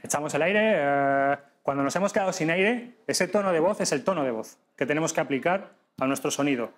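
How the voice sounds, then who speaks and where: A man teaching a live podcasting workshop to an audience, lively and demonstrative, often checking in with quick questions. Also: on the high side. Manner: lively, demonstrative, addresses audience directly with frequent tag questions.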